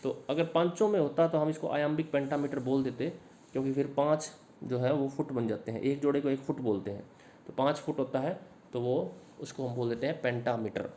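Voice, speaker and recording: Mellow-voiced man teaching a slide lecture. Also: mid-range voice, a little hiss or hum. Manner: explains in Hindi, slow English phrases read aloud; addresses students directly. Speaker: English literature teacher. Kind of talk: Hindi lecture on an English poem.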